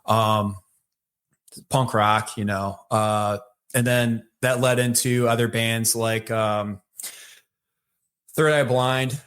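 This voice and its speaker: A man with a Michigan accent, a podcast guest telling his life story in a relaxed, rambling way with many fillers. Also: mid-range voice, slow, pauses often, smooth. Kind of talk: casual storytelling conversation.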